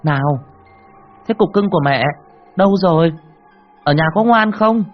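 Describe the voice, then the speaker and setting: A man voicing a frantic young mother who shouts shrill, panicked questions at her child. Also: lively intonation, moderate pace, soft background music. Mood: cooing. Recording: dull lo-fi recording.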